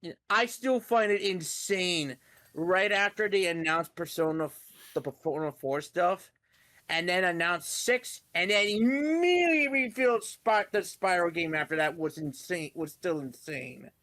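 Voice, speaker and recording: A man's voice: high-pitched, unhurried, sharp tone. A man streaming a game and chatting casually, often restarting his sentences. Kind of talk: casual gaming chat.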